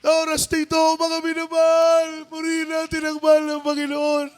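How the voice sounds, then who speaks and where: A man with a Filipino accent preaching a fervent sermon, repeating refrains and rising to shouts. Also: extremely high pitch, completely flat delivery, a little fast.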